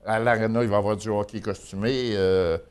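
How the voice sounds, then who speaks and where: Man, Quebec French accent, fairly low pitch, folksy, colloquial, informal local chronicle. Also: steady tone, brisk, clean tone. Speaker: local news and gossip columnist.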